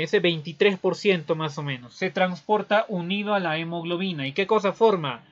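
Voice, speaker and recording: High-voiced playful male teacher. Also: a bit bright. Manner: playful storytelling, frequent tag questions. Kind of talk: physiology review lecture. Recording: dull lo-fi recording.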